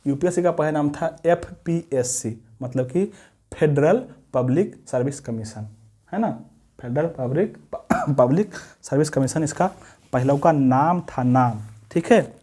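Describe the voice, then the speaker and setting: A man gives an exam-prep lecture, often coughing and clearing his throat, repeating points and quizzing with tag questions. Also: medium pitch, a little mellow. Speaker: exam coaching teacher.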